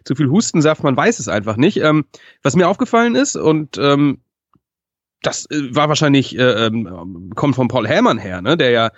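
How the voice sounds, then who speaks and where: A man's voice: medium pitch, sing-song, moderate pace, dry recording. A man co-hosting a casual wrestling chat, easygoing, adding news details, on a dull lo-fi line. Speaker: podcast co-host. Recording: dull dry lo-fi remote line.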